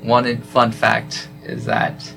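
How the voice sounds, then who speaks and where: A young man from South Korea is interviewed about his study abroad semester, speaking relaxed and casually with lots of "like" fillers. His mid-range voice is slow and has vocal fry, with soft music in the background.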